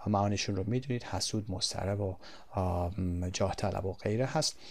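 A man teaching an English lesson. He explains quickly and says the model words slowly and clearly. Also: low-pitched. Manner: switches between quick explanations and slow, drawn-out model words.

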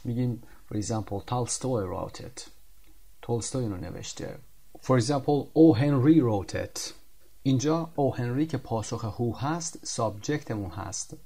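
Male tutor, explaining grammar, slow and deliberate on the example sentences. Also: medium pitch, dark tone. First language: Persian. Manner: explains in Persian, reads English examples slowly and carefully. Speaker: English teacher. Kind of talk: recorded grammar lesson.

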